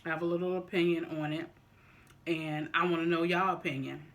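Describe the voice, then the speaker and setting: A vlogger talking casually and deliberately to viewers, often repeating and rephrasing in a halting way. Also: medium pitch, little pitch movement, a bit bright, slight background noise. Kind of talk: casual opinion talk to viewers during a mukbang.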